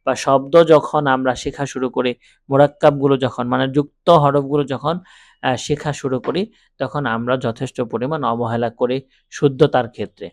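A man teaching Quran reading, drawing out recited words slowly between calm, encouraging explanations. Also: medium pitch, no room sound. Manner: slow drawn-out recitation between plain explanations. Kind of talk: recitation lesson.

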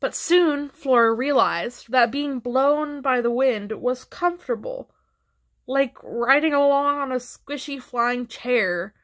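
A woman reads a children's picture book aloud at an unhurried pace. Her voice sits a little high and stays gentle and expressive throughout. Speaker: storybook reader.

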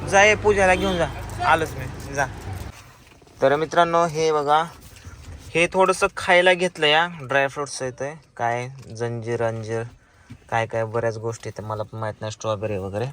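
A man's voice: mid-range voice, normal speed, fairly bright tone. A man making a casual family vlog, talking to viewers and coaxing and scolding small children as he films. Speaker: vlogger.

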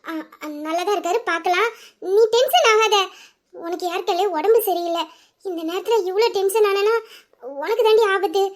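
A woman voicing a policewoman and older sister who speaks steadily to reassure and calm others. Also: very high voice, moderate pace, pauses often. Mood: soothing worry. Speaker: police officer. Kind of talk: Tamil audio drama acting.

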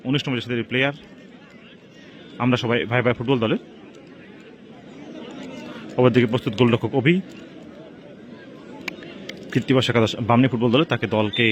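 A man giving live, excited play-by-play football commentary at an outdoor match. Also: mid-range voice, fairly quick, pauses often. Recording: crowd and outdoor noise behind. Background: outdoor crowd at a local football match.

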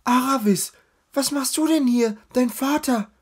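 A man voicing a giggly, vain, rich young woman in a storybook reading, in a high chattering drawl. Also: sing-song, moderate pace. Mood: surprised.

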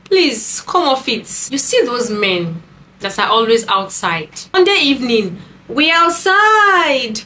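A woman's voice: fairly high pitch, big pitch swings, measured pace, fairly bright tone, a little hiss or hum, low-quality recording. A woman talking to camera in a casual vlog, giving emphatic, sassy dating advice with scolding asides.

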